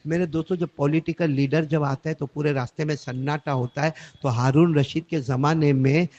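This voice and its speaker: A man preaching through a story, animated and calling on the audience to repeat after him. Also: a little high, lo-fi sound. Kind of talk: storytelling sermon.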